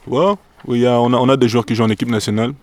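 A man's voice: mid-range voice, steady tone, rapid-fire, a little mellow, no room sound. A young man from DR Congo, a professional basketball player answering interview questions hesitantly and searching for words.

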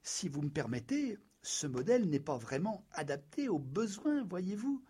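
A man's voice: high voice, big pitch swings, normal speed, warm tone, slightly rough, heavily acted. A man voicing an anxious middle-aged carpenter who haggles and insists, fussy and a little stammering. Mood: insistent. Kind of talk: audiobook character voice.

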